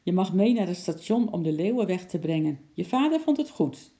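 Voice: medium pitch, sing-song, fairly quick, warm tone, pitched above the performer's own voice. A reader doing a kindly zookeeper uncle. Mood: friendly. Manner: friendly, careful way of talking. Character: kindly careful male zookeeper. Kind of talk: storybook reading.

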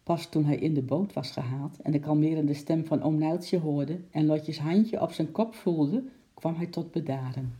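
A man reading a children's story aloud in lively storytelling style, switching into voices for the characters. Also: a little high, unhurried. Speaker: narrator.

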